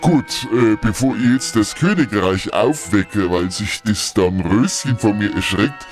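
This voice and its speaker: A man's voice: on the low side, expressive, measured pace, faint music behind. A man as a jovial Santa. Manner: jovial, folksy. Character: jovial beer-loving Santa Claus. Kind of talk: comic radio play.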